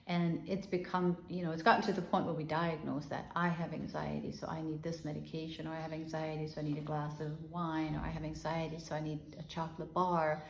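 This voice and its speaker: A gentle woman whose first language is Danish gives a guided body-awareness talk as a healing and meditation teacher, speaking softly and unhurriedly with repeated guiding phrases. Her voice sits low and gravelly with little pitch movement, in a reverberant space with slight background noise.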